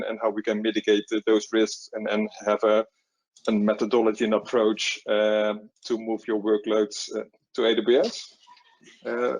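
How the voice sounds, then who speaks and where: On a webinar panel, a middle-aged Dutch-accented man talks conversationally, his medium-pitched voice darkish in tone over a rough recording. He often repeats words and chuckles at himself.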